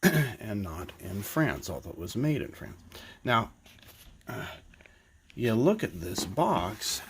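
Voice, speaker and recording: In a casual show-and-tell, a middle-aged toy collector with a medium-pitched but stuffy, congested voice talks through his collection, rambling with fillers and false starts. There's a little hiss or hum on the recording.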